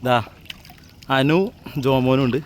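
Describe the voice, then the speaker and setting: A man with a Kerala accent narrating a casual, excited outdoor vlog, mixing English slang into his Malayalam and repeating catchphrases. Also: mid-range voice, slow pace, slight background noise. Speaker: vlogger. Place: outdoors, in a small boat on water.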